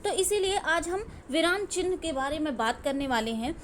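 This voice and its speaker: A woman's voice: sits high, expressive, normal speed, slight background noise. A woman teaching a grammar lesson to exam students, explaining step by step and often checking in with "okay". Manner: explanatory, repeats "ठीक है" often.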